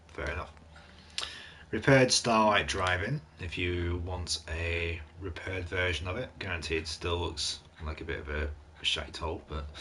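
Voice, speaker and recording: A man's voice: low-pitched, pushed and bright, slight background noise. A man hosting a gaming channel, giving a casual mod review commentary in an off-hand way, reading descriptions aloud with blunt asides, his voice starting to go.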